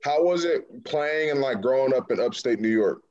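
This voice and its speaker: Slangy young host, casual. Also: male voice, mid-range voice, lively intonation, moderate pace, a little mellow, highs cut off. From New Jersey. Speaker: show host, former player. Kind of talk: casual interview chat.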